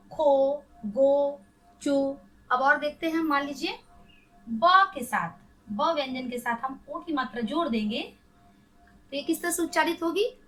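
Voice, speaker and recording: A woman with a high, pushed, bright voice leads a children's Hindi reading lesson. She works through the syllables patiently, one by one, stopping to ask questions.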